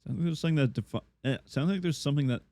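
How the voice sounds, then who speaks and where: A man's voice: fairly high pitch, very fast, mellow, slight background noise. A man streaming a video game, chatting casually into a desk microphone in a self-mocking way and tripping over his words now and then. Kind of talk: casual live-stream commentary while playing.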